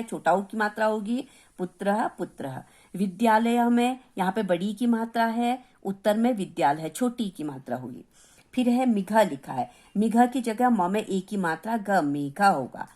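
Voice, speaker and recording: A woman's voice: medium pitch, moderate pace, a little mellow. A woman teacher giving a revision lesson to young students, patiently repeating each word and explaining what it means.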